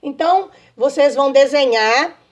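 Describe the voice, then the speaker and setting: A woman's voice: high-pitched, normal speed. A woman teaching a remote lesson to young children, in a patient sing-song manner, checking often that they follow. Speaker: primary school teacher.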